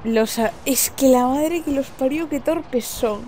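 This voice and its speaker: A gaming host with an accent from Spain speaks in a high, slow voice with a dark tone, over slight background noise. This young woman jokes at her own expense and swears casually while commenting on gameplay and reading game dialogue aloud, with game music in the background.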